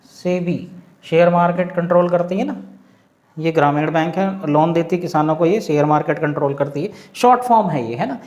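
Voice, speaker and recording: A man teaching an English grammar lesson in a classroom style, spelling out letters slowly and asking the class rhetorical questions. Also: fairly high pitch, darkish tone. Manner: explains step by step, asks the class rhetorical questions.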